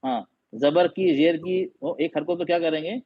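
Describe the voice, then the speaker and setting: धीरे-धीरे समझाता, सवाल पूछता पुरुष शिक्षक. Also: male voice, fairly high pitch, moderate pace, breathy edge. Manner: patient, quizzing students repeatedly. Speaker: Quran teacher. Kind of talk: online class teaching. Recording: dull lo-fi audio.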